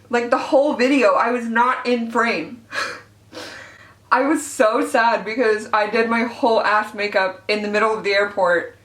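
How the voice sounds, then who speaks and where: A woman's voice: a little high, a bit bright. An American woman from Arkansas vlogging casually and candidly as she gets ready, her speech slightly altered by teeth whitening trays in her mouth. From Arkansas, southern United States. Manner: candid, informal, swearing, self-deprecating. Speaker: beauty vlogger. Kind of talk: casual chatty get-ready-with-me vlog. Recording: echoey room, distant microphone.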